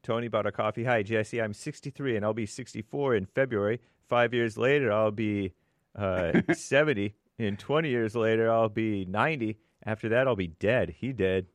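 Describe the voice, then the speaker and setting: A man's voice: lowish voice, moderate pace, no room sound. A man co-hosting a show, reading viewer messages aloud in a plain, matter-of-fact way with small asides.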